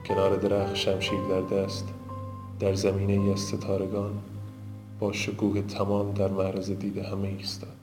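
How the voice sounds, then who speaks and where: A man narrating a scripted fantasy audiobook in a measured, dramatic way. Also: low-pitched, completely flat delivery. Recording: roomy with background music.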